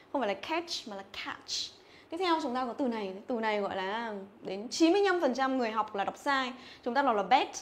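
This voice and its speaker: A woman's voice: a little high, a little hiss or hum. A young woman giving a livestream English pronunciation lesson, repeating words over and over and checking that students remember. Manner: drills words by repeating them, checks in with "nhớ chưa?". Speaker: English teacher. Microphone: phone or webcam mic on a livestream.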